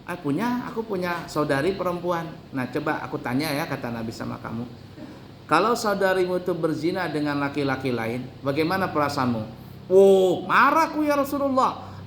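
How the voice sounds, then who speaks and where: A man's voice: sits high, fairly bright tone, reverberant, a little hiss or hum. A man giving a colloquial sermon, telling a story with acted-out dialogue. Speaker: preacher.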